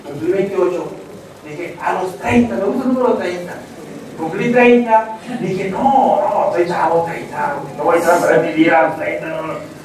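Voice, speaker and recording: A high-pitched, slightly mellow male voice at normal speed carries through an echoey church hall, captured by a distant mic with a bit of background noise. He is preaching evangelistically, calling the congregation "hermanos" while telling stories with dramatic flair and performing different voices.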